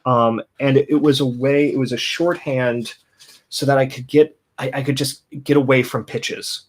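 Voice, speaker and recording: A man composer in an interview, talking thoughtfully with frequent fillers, restarts and pauses. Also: medium pitch, steady tone. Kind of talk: interview conversation.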